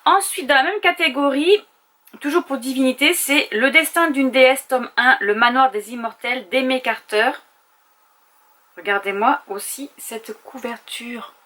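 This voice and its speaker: Unhurried woman chatting casually at home. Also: high voice, pushed and bright. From France. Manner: chatty, thinking aloud with small hesitations. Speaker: vlogger. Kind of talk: casual chat.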